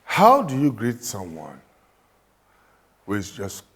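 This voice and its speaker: A language teacher covers greetings, playfully coaxing his student to repeat after him while mixing English and Yoruba. His voice is fairly low and a bit bright, slow-paced, with pitch that swoops wildly.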